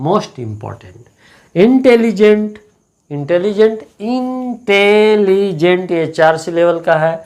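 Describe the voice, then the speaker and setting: Slow, deliberate Hindi-accented teacher. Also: male voice, a little high, darkish tone. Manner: slow, deliberate, repeats words to drill them. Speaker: English teacher. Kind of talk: classroom grammar lesson.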